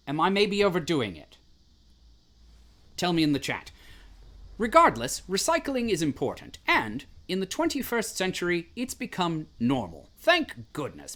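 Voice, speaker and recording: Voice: medium pitch, a bit bright. A host talking casually on a livestream in a wry, chatty, theatrical way.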